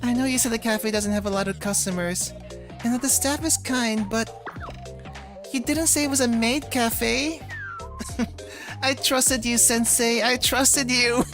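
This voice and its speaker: A woman's voice: fairly high pitch, steady tone, a little slow, pauses often, a bit bright, voice pushed up. Woman voicing a timid, stammering game-developer girl. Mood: flustered, distressed. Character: shy, anxious young game-developer girl. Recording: music behind the voice.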